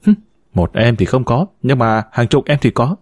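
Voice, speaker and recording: A man voicing a feisty, sharp-tongued woman near thirty who bickers and teases, in a read-aloud story. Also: medium pitch, animated, no echo, studio quality, natural voice. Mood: teasing. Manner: brash, quick to bicker and tease.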